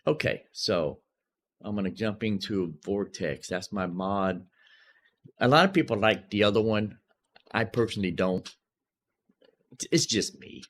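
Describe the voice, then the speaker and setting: A gaming streamer casually commentates on gameplay and modding, thinking aloud and informally walking through each step. His voice is on the low side and a little slow, with long pauses, over a clearly noisy background.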